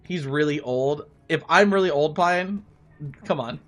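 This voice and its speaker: A man in his late thirties streams a game live, chatting with viewers in a casual, friendly way and often thinking out loud. He speaks a little slowly at a fairly high pitch, with faint music behind him.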